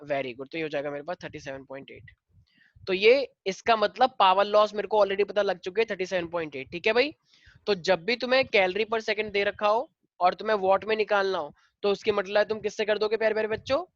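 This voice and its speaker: A man's voice: high voice, a little fast, no echo, lo-fi sound. Hindi-teacher man quizzing his class. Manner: mixes Hindi and English, drills students with questions. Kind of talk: online class problem-solving.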